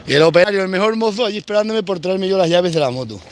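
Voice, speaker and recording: High-voiced swearing farmer. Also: male voice, lively intonation, fast, a little hiss or hum. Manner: blunt, swearing, mocking, rough rural talk. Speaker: cattle farmer streaming live. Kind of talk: rambling live stream while herding cows. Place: outdoors on a farm with cattle.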